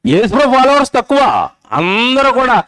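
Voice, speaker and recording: A male preacher with a Telugu accent gives a sermon at a convention, his voice very high and smooth. He presses his listeners with one insistent rhetorical question after another, scolding as he goes. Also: brisk, a bit bright. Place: convention stage.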